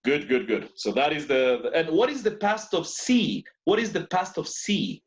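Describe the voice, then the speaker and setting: A man's voice: fairly high pitch, animated, unhurried. A man teaching an English class in two languages, who repeats words and keeps praising his students. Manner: switches between two languages to explain.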